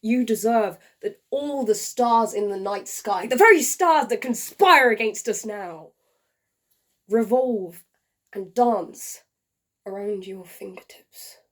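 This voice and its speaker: A woman performing a dying, lovesick male soldier-poet in a hushed, half-whispered, heartfelt farewell monologue. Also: mid-range voice. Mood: grieving, tender. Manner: tender, grieving, slow and heartfelt. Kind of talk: dramatic monologue reading.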